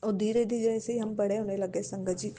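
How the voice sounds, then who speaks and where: A woman's voice: medium pitch, fairly even intonation, fairly quick, mellow. A woman sharing a devotional testimony, addressing the congregation respectfully in nearly every sentence.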